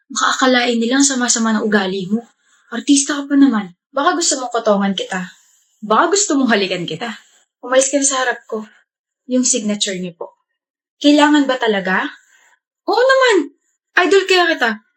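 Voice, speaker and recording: A woman acting in a romantic comedy skit, full of flirty, joking lines. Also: a little high.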